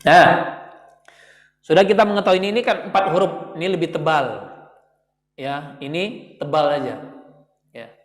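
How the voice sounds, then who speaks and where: A man's voice: on the high side, normal speed, pauses often. A man teaching Quran recitation, patiently repeating letter sounds for his students. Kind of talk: classroom lesson. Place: prayer room. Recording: echoey room with long reverb.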